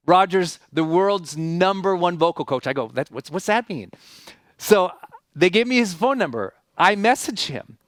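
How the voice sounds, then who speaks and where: This man's voice is high-pitched and expressive, delivered at a measured pace in a studio-quality recording with no echo. He hosts a seminar as a motivational speaker, telling stories emphatically with repeated phrases and rhetorical questions, and introduces a guest from the stage.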